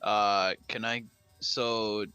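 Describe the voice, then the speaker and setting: A man's voice: on the low side, flat delivery, extremely slow, bright, forceful tone, clear, resonant tone, dry recording, highs cut off, soft background music. Playful man player, dry sound. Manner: playful and jokey, laughing. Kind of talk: in-character tabletop play.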